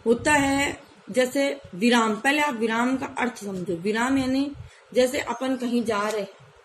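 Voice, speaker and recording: Woman, teacher, high-pitched, patient explainer, recorded class lesson, faint background noise. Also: poor audio. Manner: patient explaining, frequent checks "है ना?". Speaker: school teacher.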